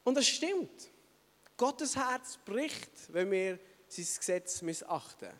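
A male preacher with a Swiss German accent delivers a sermon in a large church hall. His voice sits very high for a man, and a long reverb lingers after each phrase. He talks earnestly and presses his points with emphatic questions. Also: big pitch swings, slow, a bit bright.

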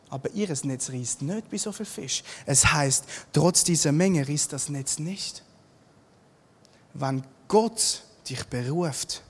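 A male preacher, giving a lively sermon, acting out Bible scenes and repeating his key lines. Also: on the high side, slightly rough, in a large hall.

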